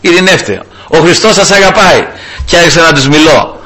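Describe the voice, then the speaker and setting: A man's voice: on the high side, lively intonation, sharp tone. A man preaching an evangelical sermon, fervently repeating "brothers" and "glory to the Lord" as he tells a personal story.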